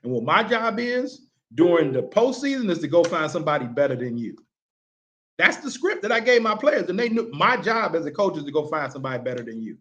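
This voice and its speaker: Man, basketball coach, fairly high voice, emphatic rhetorical questions, colloquial motivational talk. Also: very animated, a little fast, fairly bright tone, highs cut off. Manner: casual, colloquial phrasing. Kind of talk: motivational talk to sports parents.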